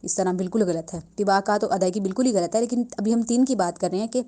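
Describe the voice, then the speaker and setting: A young woman leads a slow tajweed lesson, with a soft, mellow voice. She repeats each sound patiently and stretches words out to show how they are said. Her pitch sits at an ordinary middle height. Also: steady tone. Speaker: Quran recitation teacher.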